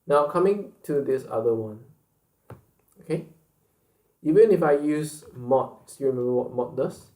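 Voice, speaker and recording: Man, tutorial instructor, slow patient delivery, mellow voice, echoey room. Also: medium pitch. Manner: slow and patient, repeating key points. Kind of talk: screen-recorded software tutorial.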